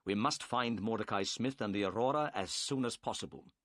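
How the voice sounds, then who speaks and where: Man reading a calm clever detective, polite and brisk, dry close sound. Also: lowish voice, dry recording, natural voice. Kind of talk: audiobook character voice.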